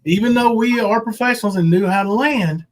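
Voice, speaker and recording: Fairly quick and high-pitched, this fifty-something man hosts a podcast where he casually looks back on old times. He was once a pro wrestler, and his banter is colloquial and folksy.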